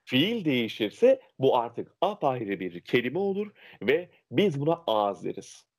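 A young man teaching diction answers interview questions with a voice that rises and falls in an animated way. He explains patiently and illustrates his points with examples of how people speak. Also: mid-range voice, measured pace. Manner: lively, illustrative, imitates dialect speech. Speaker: diction instructor.

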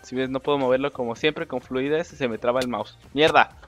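Mexican guy playing a game and talking, swears a lot, gets excitable, dull lo-fi mic, faint music behind. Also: mid-range voice, a little fast. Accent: Mexican Spanish. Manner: excitable, swearing, talks to other players. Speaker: gameplay commentator. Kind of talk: casual gaming commentary.

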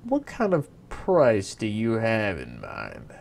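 A man's voice: fairly low pitch, huge pitch swings, slow pace, gravelly, a little mellow, slight background noise, full character voice. A man voicing a frightened young maiden, raised and pleading. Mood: anxious. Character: frightened young miller's daughter.

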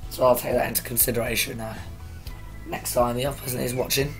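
A man with a croaky voice casually talking to viewers on a live stream, rambling as he sets things up. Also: medium pitch, level tone, fast, fairly bright tone, soft background music. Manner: rambling, chatty, addressing viewers.

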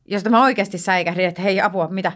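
A woman from Tampere, a stand-up comedian, chatting as a podcast guest and acting out scenes with quoted lines. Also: medium pitch. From Finland, Tampere. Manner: animated storyteller, acts out scenes with quoted lines. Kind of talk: casual chat.

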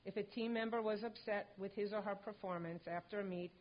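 An older woman, accepting her late son's hall of fame honor, calmly reads a prepared tribute speech from a lectern. Her medium-pitched voice stays composed and measured. The lectern microphone captures a dull, lo-fi recording of the large indoor hall stage.

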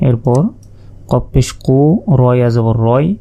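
A man's voice: medium pitch, little pitch movement, unhurried, dark tone, dull audio. A man teaching Quran reading, spelling out letters and vowel marks patiently, stretching sounds in his examples. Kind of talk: step-by-step spelling lesson.

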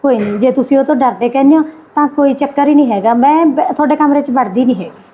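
A woman's voice: high voice, fast talker, lo-fi sound, a little hiss or hum, close to an everyday voice. A woman playing a patient mother who pleads and placates while defending her son. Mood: pleading. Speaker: visiting daughter and mother.

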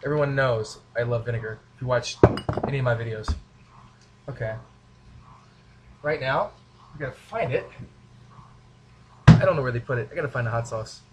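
Heavy background noise surrounds a young home-cooking vlogger who rambles goofily through a casual demo in his small kitchen, joking to a camera a few feet away. He speaks in a mid-range voice at normal speed, leaving long pauses, captured on the camera mic.

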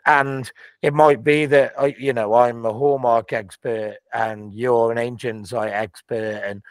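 Guy hosting a video call chat, punchy and animated, mid pitch, dry sound. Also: no room sound. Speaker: host. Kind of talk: casual online chat.

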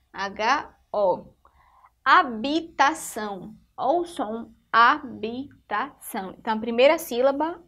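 A woman teaching a phonics lesson to young children in Brazilian Portuguese. She is patient and keeps asking the class if they follow. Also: fairly high pitch. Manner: patient, checks in with "tá vendo?" and "certinho?". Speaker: primary school teacher.

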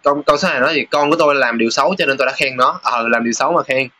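Man, casual lesson, bright tone, slight background hiss. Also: mid-range voice. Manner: casual, chatty, with filler sounds and reading sentences aloud slowly. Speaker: Japanese teacher. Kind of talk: lesson going over test questions.

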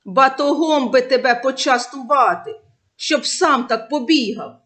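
A woman voicing a group of grumbling village shepherds in a storybook tale, gruff and scolding. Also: sits high, a little slow, a bit bright. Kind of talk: storybook voice acting.

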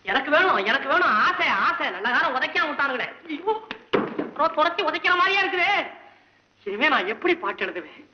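A man's voice: big pitch swings, a little hiss or hum. A man playing a poor, fretful temple poet in a 1960s Tamil film, whiny and sarcastic, complaining and talking to himself. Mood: lamenting. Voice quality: whiny, high and quick-tempered. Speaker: comic lead in a devotional film. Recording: dull old film soundtrack.

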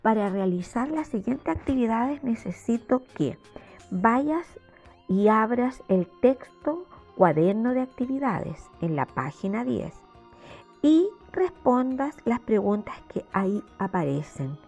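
A woman teacher with a Chilean accent giving a recorded remote lesson, explaining step by step in a slow, explanatory classroom manner. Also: on the high side, big pitch swings, a little mellow, breathy edge, soft background music. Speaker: primary school teacher.

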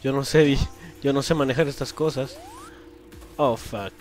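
A young man, commentating a video game as he plays, swearing loudly and laughing often at what happens on screen. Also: medium pitch, measured pace, faint music behind. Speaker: gameplay commentator. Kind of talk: let's play commentary.

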